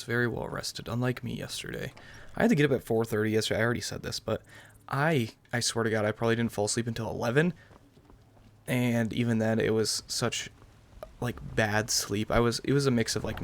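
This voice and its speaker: With a gravelly, medium-pitched voice at a moderate pace, a young adult from New York, United States, rambles through casual let's-play commentary on his gaming channel, often qualifying what he says.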